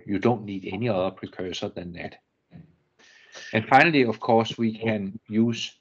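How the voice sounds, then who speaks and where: Older Danish man lecturing, husky and low. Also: dull audio. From Denmark. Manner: measured, halting, with frequent restarts and repeated words. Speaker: guest lecturer. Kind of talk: technical lecture. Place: university lecture room.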